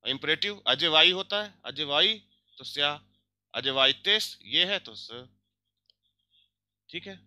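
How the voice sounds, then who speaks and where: Young man, language teacher, very bright voice, fairly high pitch, dry close sound, careful step-by-step explaining. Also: lively intonation, no room sound. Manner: explains step by step, often checks with "theek hai"; slow careful drilling of example words. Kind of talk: grammar lesson.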